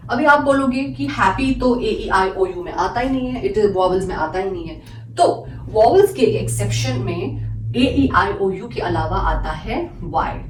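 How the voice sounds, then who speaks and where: A woman's voice: mid-range voice, animated, measured pace, slight background noise. A woman teaching a grammar lesson, patiently asking and answering her own questions and repeating examples. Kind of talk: classroom-style grammar lesson. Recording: echoey room, mic at a distance, faint music.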